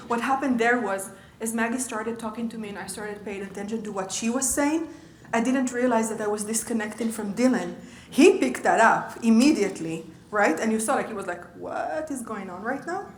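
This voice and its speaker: A woman's voice: on the high side, echoey room, a little hiss or hum. A woman giving a conversational lecture as a leadership coach, often checking in with her audience. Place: lecture room.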